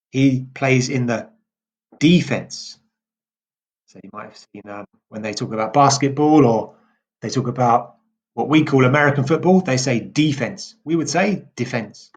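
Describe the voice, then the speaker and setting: A British man from England giving an English pronunciation lesson, speaking slowly and deliberately and repeating example words clearly. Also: mid-range voice. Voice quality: slow and deliberate, drawing out words for emphasis.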